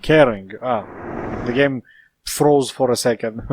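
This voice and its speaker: A man playing through a detective game, rambling and joking as he reads the text aloud. He talks slowly at a middle pitch. Faint noise sits behind his voice. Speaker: let's play gamer. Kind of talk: casual game commentary.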